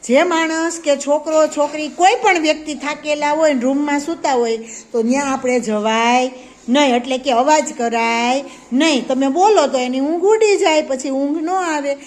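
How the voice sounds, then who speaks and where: A woman's voice: sits high, normal speed. A woman teaching a preschool class, asking the children questions and praising their answers. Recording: faint background noise.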